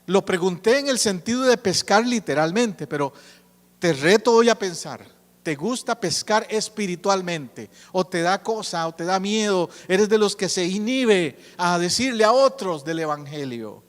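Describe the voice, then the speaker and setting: A male pastor with a high voice gives a teaching sermon and often puts questions to his listeners. He is recorded in a church sanctuary with a long, ringing reverb. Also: lively intonation, measured pace. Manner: teaching, asks the congregation questions.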